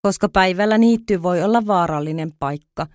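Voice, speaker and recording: A woman voicing a gentle mother deer who calmly explains things to her fawn in a storybook reading. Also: on the low side, no echo, clean studio sound, close to an everyday voice. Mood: patient. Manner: calm, explaining.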